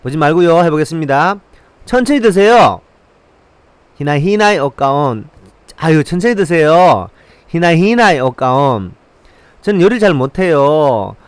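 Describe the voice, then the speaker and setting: A man teaching a language lesson, drilling short phrases slowly and repeating them. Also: a little high, animated, clear, resonant tone, dry recording. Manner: slow drilled repetition of phrases.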